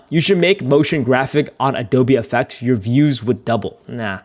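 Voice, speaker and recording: An unhurried young man chats casually on a livestream while he edits his videos. He rambles and jokes at his own expense, swears now and then, laughs often, and his voice gets louder and higher whenever he tells a story.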